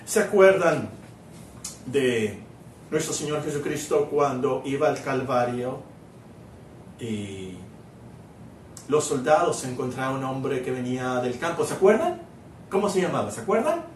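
A man's voice: mid-range voice, big pitch swings, slow pace, long pauses, a little hiss or hum. Preacher guy giving a sermon, lots of "eh", asks the crowd stuff, echoey church, far from the mic. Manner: many fillers, asks the congregation questions.

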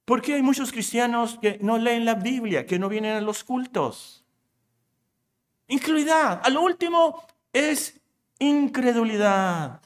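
A man preaching as pastor, emphatic, repeating key words and rising to near shouts. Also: very high voice, animated, measured pace. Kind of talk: sermon.

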